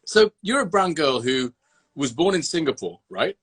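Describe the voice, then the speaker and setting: Male host, husky voice; loose, profane, enthusiastic interviewer. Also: fairly high pitch, big pitch swings, normal speed, fairly bright tone. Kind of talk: casual interview over a phone call.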